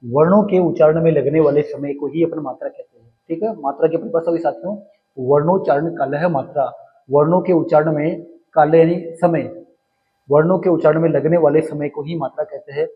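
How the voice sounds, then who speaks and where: A man's voice: a little high, muffled recording, a little hiss or hum. A man giving a lecture to students, asking questions and answering them himself, repeating key terms again and again. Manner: repetitive, addresses students as friends, asks and answers own questions. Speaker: teacher. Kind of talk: classroom lecture.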